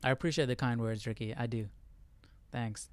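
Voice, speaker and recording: Speaking in a clear, resonant mid-range voice with fairly even intonation and a moderate pace, a livestream host leads an informal Bible study, frequently asking "right?" to check in. There's no room sound in the recording.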